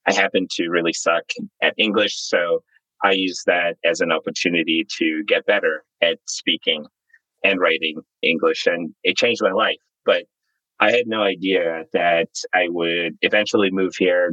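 A Zimbabwe-born man in his thirties, a startup founder, tells his life story in a candid, relaxed way. His voice is very low and recorded close and dry. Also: normal speed, dry recording, rough recording. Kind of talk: interview guest, storytelling.

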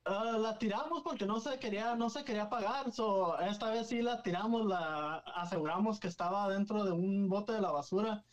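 A man with a high voice, a guest who investigates the paranormal, tells stories casually while switching between Spanish and English. He speaks at a moderate pace with few pauses, and the sound is lo-fi.

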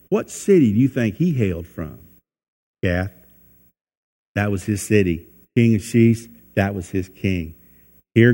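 Folksy preacher in an echoey hall. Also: male voice, on the low side, warm tone. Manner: folksy, asks the listeners questions, acts out quotes. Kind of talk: sermon.

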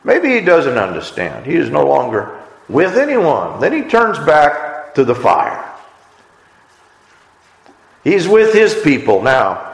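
A man's voice: on the high side, creaky. Guy preaching a sermon, voice swinging up and down a lot, roomy echo all around. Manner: expressive storytelling, acting out quoted lines. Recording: echoey hall.

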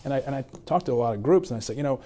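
A man's voice: medium pitch, expressive, rapid-fire, mellow. A man hosting an interview, asking long rambling questions with restarts. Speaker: interviewer, host. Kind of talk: conversational interview.

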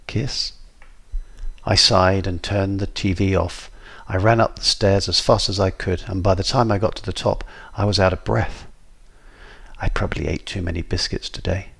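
A man reading a children's story aloud as guest narrator, in a lively, expressive way. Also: low-pitched, vocal fry, slightly rough.

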